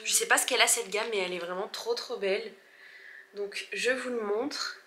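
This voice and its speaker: A woman's voice: mid-range voice, normal speed, sharp tone, a little hiss or hum. A woman in her twenties casually showing off her beauty purchases, chatty and hesitant, full of fillers and restarts, gushing over the products. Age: 20s. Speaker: beauty vlogger. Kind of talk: casual haul vlog.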